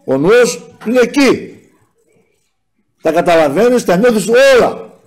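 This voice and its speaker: Male preacher with a high voice, sermon with a personal testimony, keeps calling to the brethren. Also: lively intonation. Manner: addresses listeners as brothers and sisters.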